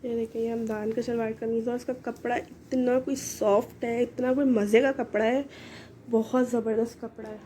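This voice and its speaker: A hoarse young woman talks through a casual vlog, short of breath from a cold. Her voice sits a little high but sounds mellow and soft-edged. A faint hiss of background noise stays under her voice throughout. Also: flat delivery, normal speed. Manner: chatty, explaining items one by one. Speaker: vlogger. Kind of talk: casual show-and-tell vlog.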